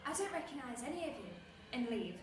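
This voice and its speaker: A woman's voice: high-pitched, very animated, fast, over music. A woman acting a scornful bullied schoolgirl, echoey and distant. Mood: bitter. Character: bitter, defiant bullied schoolgirl. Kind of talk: drama monologue performance. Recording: echoey room, far mic, noisy.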